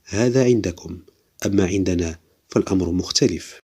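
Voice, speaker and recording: An innocent young female jinn speaks calmly and plainly in a storybook tale. A man voices her in his own very low, husky register. The delivery stays level and unhurried.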